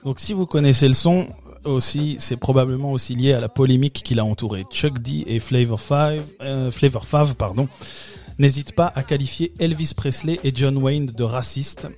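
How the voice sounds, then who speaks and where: French man talking films, halting with fillers. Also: medium pitch, darkish tone. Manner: hesitant, many fillers and restarts. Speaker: radio film columnist. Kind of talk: casual radio chat.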